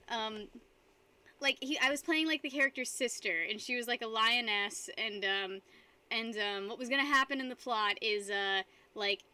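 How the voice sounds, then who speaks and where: A young woman with a smooth, somewhat high voice and a sharp tone streams live, chatting loosely with viewers. She reads the chat aloud, rambles, and breaks into frequent giggles.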